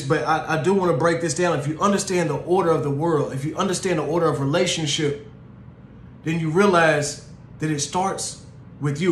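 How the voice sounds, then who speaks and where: A man's voice: on the high side, a little hiss or hum. Earnest man talking casually in an echoey room. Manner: earnest, conversational, peppered with "man" and "you know". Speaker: podcast host. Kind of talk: casual monologue on relationships.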